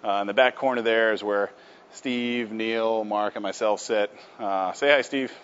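A man's voice: fairly low pitch, fairly even intonation, unhurried, fairly bright tone, clear, resonant tone, dull audio. A man leading a casual walking tour of a workshop, friendly and plain-spoken with frequent fillers. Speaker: company tour guide. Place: workshop and offices, indoors.

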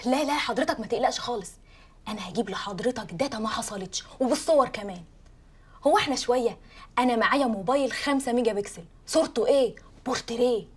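An actress playing an eager young would-be reporter who rattles on politely and chattily down the phone. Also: female voice, fairly high pitch, quick pace, husky. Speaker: caller.

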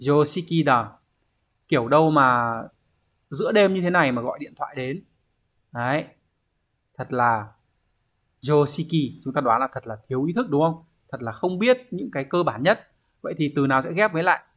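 This Japanese teacher's voice is medium-pitched with a fairly bright tone as he runs an online exam review. He explains each step and regularly checks on his students, and the recording sounds dull and lo-fi.

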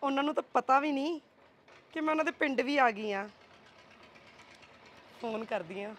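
A young woman acts a chatty, teasing cousin in a short film. Her voice is high and lively in tone. Faint ambient noise sits behind her. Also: normal speed.

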